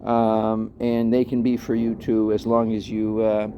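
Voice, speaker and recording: A man's voice: fairly low pitch, completely flat delivery, a little slow, muffled recording, slight background noise. A middle-aged man hosting his own dog channel, telling a story in a loose, rambling way, full of restarts and fillers. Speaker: dog owner and channel host. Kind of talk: casual vlog storytelling.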